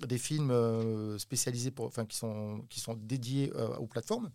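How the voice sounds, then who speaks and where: A man's voice: mid-range voice, normal speed, warm tone, clear, resonant tone, dry recording. Middle-aged guy from the southwest, agent chatting in an interview, lots of ums and restarts, dry close mic. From southwest France. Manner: hesitant, many fillers and restarts. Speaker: talent agent for children. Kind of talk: casual interview talk.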